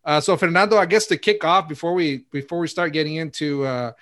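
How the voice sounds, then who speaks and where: A male podcast host interviewing a guest over a video call in a relaxed way, with fillers. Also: on the high side, fairly quick. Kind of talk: casual interview.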